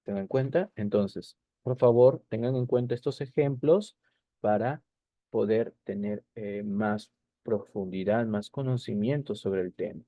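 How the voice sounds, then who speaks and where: A man's voice: lowish voice, measured pace, no room sound. Man teaching grammar, dull lo-fi sound. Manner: explanatory, with frequent checking questions and self-corrections. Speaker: language teacher. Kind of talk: recorded grammar lesson. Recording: dull lo-fi recording.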